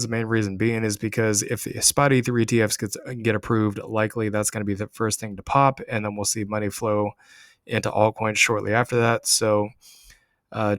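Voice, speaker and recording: Male channel host, lower register, casual explanatory market commentary straight to the audience, dry sound. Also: no echo. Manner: explanatory, addressing viewers directly. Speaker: crypto trading channel host. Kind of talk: casual market commentary over price charts.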